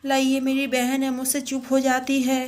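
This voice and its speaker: A woman voicing an eager little girl who pleads to calm her crying baby sister, in a doll storybook video. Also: sits high, moderate pace, voice pushed up, natural voice.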